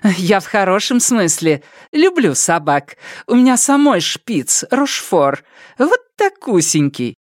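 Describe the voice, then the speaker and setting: A flighty young woman singer, as a male narrator puts her on in an audiobook, high-pitched and whiny, her voice swooping widely up and down. She pleads tearfully and gets flustered easily. The recording is close and dry. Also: very animated, slow, no echo, heavily acted. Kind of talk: audiobook character voice.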